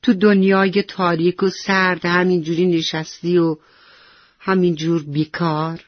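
A woman's voice: fairly low pitch, flat delivery, no room sound, dull audio, lightly acted. A woman voicing the sun in the sky, teasing and urging a lazy seed to wake up and sprout. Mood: coaxing. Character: warm sun in the sky, cheerful, coaxing, persistent.

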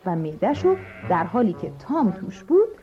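A woman storyteller reads a children's tale and speaks straight to the kids. Her voice is mid-pitched but very lively and expressive. It is a dull, lo-fi recording with clear music underneath.

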